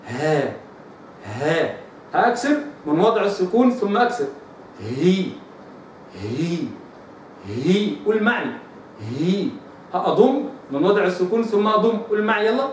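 A man with an Egyptian accent teaching Quran recitation, repeating letter sounds slowly and often as drills. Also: sits high, heavy reverb, recorded from a distance, slight background noise, low-quality recording. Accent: Egyptian Arabic. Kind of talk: tajweed lesson with drills.

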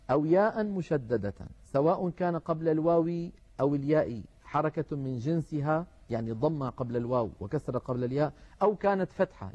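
A man giving a televised Quran recitation lesson, explaining calmly and drawing out example words slowly. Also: medium pitch, muffled recording.

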